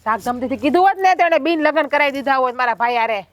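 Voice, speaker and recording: A woman playing a sharp-tongued village wife who taunts her husband in a family drama. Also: high-pitched, quick pace, no echo, lightly acted. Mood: taunting.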